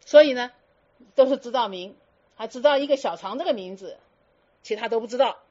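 A woman's voice: on the high side, brisk, a little mellow, dull audio. A woman giving a Buddhist dharma talk to students, firing teasing rhetorical questions and slipping in English words. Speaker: Buddhist teacher.

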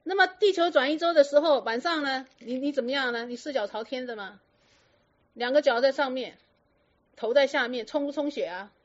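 A woman telling stories about patients to an audience in a lively, lecturing way full of rhetorical questions. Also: high-pitched, fairly quick. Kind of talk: storytelling talk to an audience. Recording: dull lo-fi recording.

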